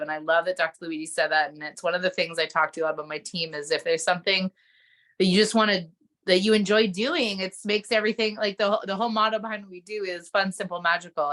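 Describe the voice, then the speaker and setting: A woman hosts a casual interview chat with a bright, forward voice. She is enthusiastic and full of praise, and she strings her questions together in long, loose runs. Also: mid-range voice. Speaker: host.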